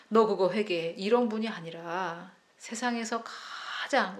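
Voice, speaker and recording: A woman preaches a devotional sermon at a medium pitch. She speaks earnestly and keeps asking her listeners rhetorical questions. When she acts out someone else's words, her voice jumps into loud outbursts.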